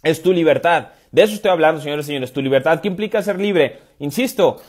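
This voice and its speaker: A man in his thirties with a fairly high voice, hammering home his point in a motivational live stream. He fires off rhetorical questions, repeats key phrases for weight, and talks into an earphone mic from a phone camera indoors. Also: fast talker, a little mellow. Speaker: online business coach. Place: indoors, room with stone-pattern wall. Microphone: wired earphone headset mic, phone camera.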